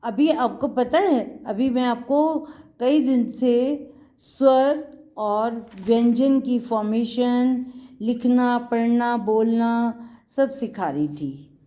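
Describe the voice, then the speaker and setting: Woman, Hindi teacher for small kids, patient, repeats syllables, unhurried delivery, mellow tone. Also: fairly high pitch. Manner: patient, drills syllables by repeating them, coaxes children to answer. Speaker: Hindi teacher for young children. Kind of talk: slow, patient classroom lesson for kids.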